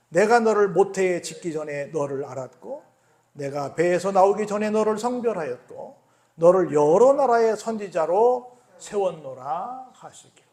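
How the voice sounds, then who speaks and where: Male pastor with a high voice, preaching; questions the congregation, swings from loud emphasis to quiet drawn-out words. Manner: asks the congregation questions and answers them himself. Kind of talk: sermon.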